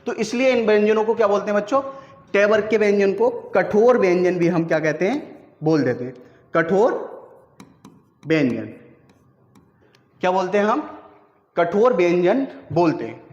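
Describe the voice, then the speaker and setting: A man's voice: sits high, animated, normal speed, long pauses, a little mellow. A male teacher giving a classroom lesson, who keeps asking his students questions and then answering them himself. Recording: echoey room, dull lo-fi sound.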